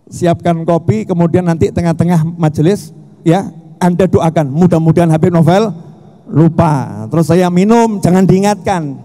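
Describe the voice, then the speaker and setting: A middle-aged man preaching a sermon at a festival, telling stories with jokes and shouting for emphasis. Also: a little high, moderate pace. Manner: animated, joking storytelling with shouted emphasis. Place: large hall at a religious festival. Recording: long hall reverb.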